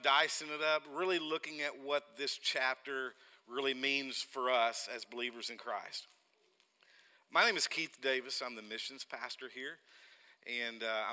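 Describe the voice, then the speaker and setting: A man's voice: medium pitch, bright, forceful tone. A man with an Arkansas accent preaches as a missions pastor in a folksy way, repeating phrases and putting questions to his listeners. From Oklahoma, United States. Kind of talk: sermon to a congregation. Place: large reverberant church room. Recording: long hall reverb.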